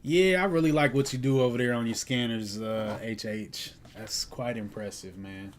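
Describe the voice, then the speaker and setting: A man's voice: mid-range voice, steady tone, moderate pace, slight background noise. A young man hosting a day trading livestream, chatting casually in a laid-back, slangy way and chuckling now and then. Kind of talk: casual live-stream chat.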